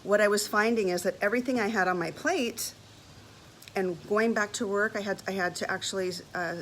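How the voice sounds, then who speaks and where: A woman's voice: mid-range voice, brisk, slight background noise, poor audio. Emotional woman in her fifties telling a story. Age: 50s. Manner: animated, emotional storytelling with repeated words. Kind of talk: personal testimony vlog.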